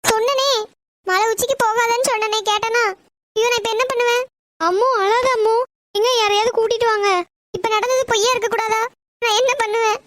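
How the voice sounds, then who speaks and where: Woman doing a squeaky frantic cartoon girl. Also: steady tone, brisk, pauses often, fairly bright tone. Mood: distraught. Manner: fretful, pleading. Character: anxious tearful young woman, cartoon lover. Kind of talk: cartoon voice acting.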